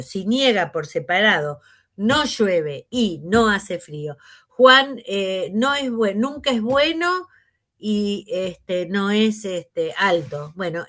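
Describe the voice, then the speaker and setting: A woman teacher with a Rioplatense Spanish accent, lecturing a class and leaning on pauses and stress to explain. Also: medium pitch, a bit bright.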